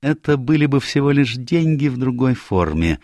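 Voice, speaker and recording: A man's voice: medium pitch, big pitch swings, moderate pace, mellow, no room sound, voice pushed up, close to an everyday voice. A man voicing a commanding, self-assured older detective in a read-aloud story, precise in manner. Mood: explaining. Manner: authoritative, precise.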